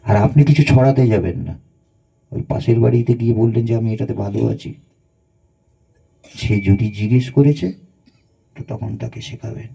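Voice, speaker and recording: A man's voice: medium pitch, moderate pace, creaky, mellow, breathy edge. A man, a spiritual guru, giving a conversational devotional satsang talk and guiding the listeners through breathing meditation, on a dull lo-fi recording.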